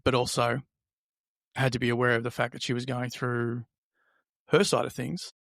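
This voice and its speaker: Man, reflective interview guest, halting conversational storytelling, dry recording. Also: mid-range voice, level tone, vocal fry, a bit bright, no echo. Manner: halting, reflective, acts out remembered remarks.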